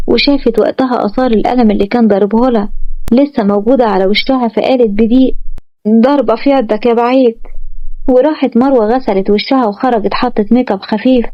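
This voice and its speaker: A woman with an Egyptian accent narrating a romance story in a brisk, steady way. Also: fairly high pitch. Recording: muffled lo-fi recording.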